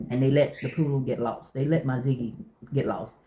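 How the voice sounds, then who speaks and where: A woman's voice: a bass voice, fairly even intonation, brisk, mellow. A woman chatting casually and telling personal stories in an emphatic way, repeating phrases to drive her point home. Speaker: vlogger. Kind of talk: casual chit-chat storytelling. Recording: echoey room.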